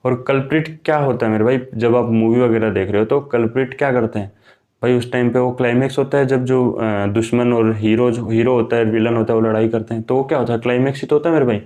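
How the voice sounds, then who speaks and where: A man's voice: medium pitch, fairly even intonation, fast talker, dark tone. A young man talks students through a vocabulary lesson for defence exams. He keeps it casual and chatty, often calling them brother and checking in with "okay" as he goes. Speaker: vocabulary teacher. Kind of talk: casual online exam-prep lesson.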